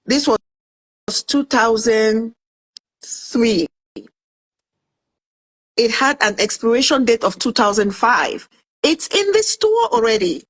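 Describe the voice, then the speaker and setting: In a low-quality recording, a woman with a fairly high voice speaks slowly and pauses often. She's a guest in her fifties from Cameroon, an author and food entrepreneur, bringing her story to life in a casual interview by dramatizing her past remarks in quotes.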